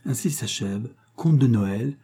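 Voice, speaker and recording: A man reading a literary tale aloud in a measured, expressive storytelling manner. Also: mid-range voice, husky. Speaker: reader. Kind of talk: scripted narration of a literary tale.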